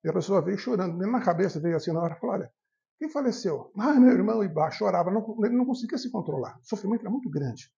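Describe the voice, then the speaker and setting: A man gives a spiritist lecture in a high, animated voice with a gravelly edge. He talks fast, telling anecdotes and playing out both sides of each conversation. The recording is dull and lo-fi. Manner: storytelling, acts out the voices in dialogues. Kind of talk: spiritist talk from the tribune. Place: spiritist center hall.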